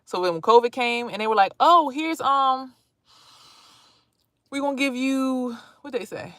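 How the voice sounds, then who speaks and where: Her voice sits high and moves a little slowly as this thirty-something vlogger talks to her stream in a blunt, animated way, cursing openly and chatting to viewers on the side. The recording is dry and studio-clean.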